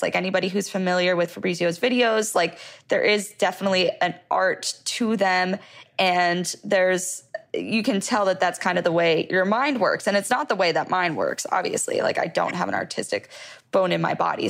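Gravelly-voiced upbeat woman host. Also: lowish voice. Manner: upbeat, giggly, uses "like" a lot. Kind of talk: casual interview. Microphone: video call.

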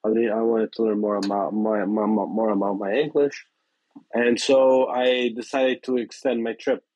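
A man's voice: fairly low pitch, fairly even intonation, moderate pace, darkish tone, dry recording. A man in his fifties from Brazil with a Brazilian Portuguese accent, a chef and restaurant owner being interviewed, speaking hesitantly with many fillers. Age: 50s. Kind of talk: casual interview. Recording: dry, slightly dull sound.

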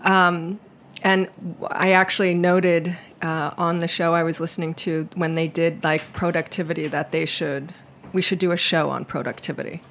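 A woman's voice: fairly low pitch, steady tone, moderate pace, creaky, a bit bright, a little hiss or hum. Woman hosting a live interview show. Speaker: radio show host. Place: small broadcast studio in a shipping container.

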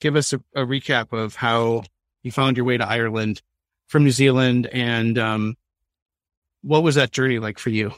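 A man's voice: medium pitch, steady tone, normal speed, no room sound, clean studio sound. Man hosting a podcast interview. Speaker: podcast host. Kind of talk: interview questions.

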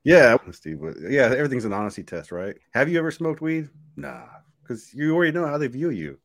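A man's voice: medium pitch, expressive, fast. A man co-hosting a casual talk show, loose and joking, who swears freely and laughs easily. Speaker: podcast co-host. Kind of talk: casual chat.

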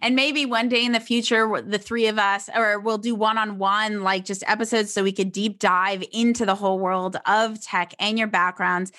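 A woman hosting a podcast in casual chat, bubbly and excitable, often calling things crazy. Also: medium pitch, moderate pace, few pauses. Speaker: podcast host.

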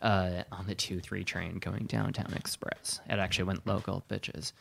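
A man's voice: deep voice, creaky. A man from Wisconsin co-hosting a podcast, telling stories in a casual chat and laughing easily. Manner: lively storyteller, quick to laugh. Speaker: podcast co-host.

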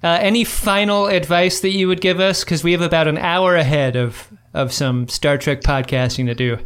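A man hosting a podcast in casual chat, speaking into a boom microphone. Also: fairly even intonation, normal speed, a bit bright, clear, resonant tone. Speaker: podcast host. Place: bathtub in a home bathroom.

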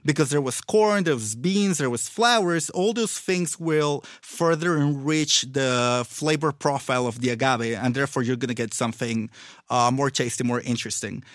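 A man's voice: medium pitch, moderate pace, fairly bright tone, no echo, clean studio sound. A man from Mexico, a native Spanish speaker with a Mexican accent and Spanglish-tinged English, explaining things casually with reflective, teasing enthusiasm. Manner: Spanglish, English with Spanish-influenced words and pronunciation.

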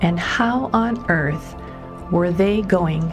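A woman reporter narrating a documentary story in a measured storytelling way, sometimes stressing questions. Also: on the low side. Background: music underneath.

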